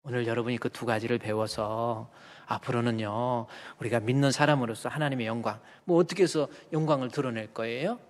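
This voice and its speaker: A man preaching a sermon as pastor, talking conversationally and acting out short quoted lines, swinging between loud jabs and soft intimate asides. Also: mid-range voice, steady tone, brisk. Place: church sanctuary. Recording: long church reverb.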